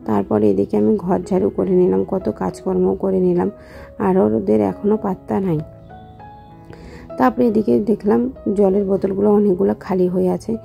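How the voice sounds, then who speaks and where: Soft-spoken woman with a gravelly, dark voice. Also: medium pitch. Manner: speaks softly and slowly, just woken up. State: low on voice after waking. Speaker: vlogger. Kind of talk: daily life voice-over narration.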